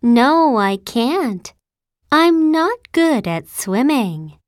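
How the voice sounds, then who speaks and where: A woman voices a cheerful young Italian schoolgirl in a heavily acted, slow, carefully enunciated test dialogue, her high, sing-song voice swooping up and down. Each word is clearly shaped at a very slow, careful pace, and the recording is close and dry, with no room sound.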